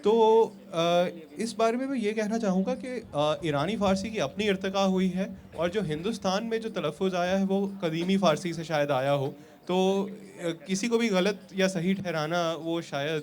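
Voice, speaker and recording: A man's voice: sits high, measured pace, darkish tone. A man in a festival audience offering a polite comment, hesitant and full of fillers. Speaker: audience member.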